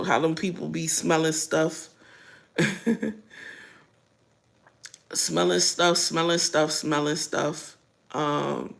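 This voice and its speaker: A middle-aged American woman vlogs while eating, rambling casually in a blunt, earthy way, sometimes with her mouth full. Her voice is deep with vocal fry.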